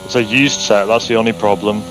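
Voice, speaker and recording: A man with a fairly low voice chats calmly while racing online, weighing his options out loud. He sounds measured and unhurried, with a faint hum behind him. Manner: calm, measured, thinks strategy aloud. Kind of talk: casual chat while sim racing.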